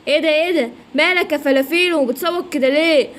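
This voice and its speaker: A woman's voice: sits high, fast talker, fairly bright tone. A woman with an Egyptian accent voicing a cheeky, teasing parrot in a children's story. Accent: Egyptian Arabic. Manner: teasing, chatty.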